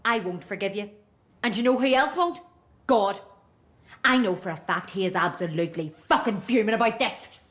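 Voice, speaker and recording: A woman's voice: mid-range voice, moderate pace, a bit bright, slight background noise, close to an everyday voice. An actress with an Irish accent playing a jealous young woman who rants crudely and indignantly. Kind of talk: sitcom acting.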